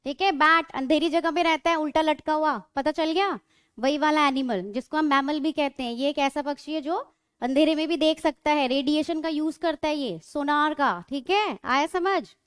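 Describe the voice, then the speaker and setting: A woman's voice: high-pitched, normal speed, dry recording. A woman teaching English grammar in a classroom lecture, explaining patiently and often checking that students follow.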